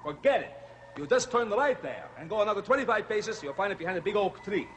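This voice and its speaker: Pompous, melodramatic vampire count, high-voiced. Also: male voice, lively intonation, quick pace, fairly bright tone. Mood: exasperated, bossy. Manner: melodramatic, bossy, swinging from whine to command. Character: pompous, exasperated vampire count, childish and bossy. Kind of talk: children's TV comedy sketch. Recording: faintly noisy vintage TV soundtrack.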